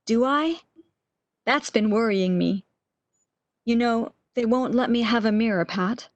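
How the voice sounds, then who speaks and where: In a radio romance, a woman plays a bedridden, lovesick character who is wistful and eager, longing for a lost love. Her voice is on the high side and natural, with a measured pace and no room sound, and her delivery is breathless, emotional, and old-fashioned melodramatic, with an eager, nostalgic mood.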